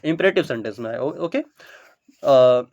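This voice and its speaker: A man teaching English through Hindi, speaking. He repeats each English sentence slowly, word by word, and fills gaps with frequent okays. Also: medium pitch, animated, a little mellow, muffled recording. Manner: frequent ok and now look fillers; speeds up for asides. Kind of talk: spoken English lesson in Hindi.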